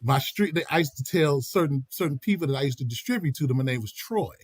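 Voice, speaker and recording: A middle-aged man tells stories on a podcast. His voice sits a bit high for a man and comes across lively. The recording is close and dry, with no room sound. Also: fast, breathy edge, no room sound. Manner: animated, laughing, slips into quoted voices. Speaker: podcast host. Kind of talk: casual storytelling chat.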